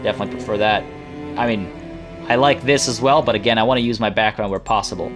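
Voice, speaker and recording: A man's voice: on the low side, fairly even intonation, fast talker. A man playing through a game, reading dialogue aloud and adding casual asides. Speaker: let's play gamer. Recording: music playing behind. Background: game music.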